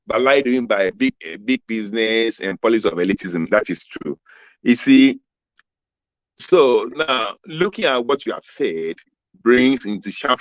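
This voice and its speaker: A man's voice: medium pitch, dry recording. A man in his fifties with a Ghanaian accent, a political candidate answering interview questions over a video call that keeps freezing. He talks emphatically and repeats his key phrases. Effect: video call audio that keeps freezing and cutting out. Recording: dull, dry video call audio.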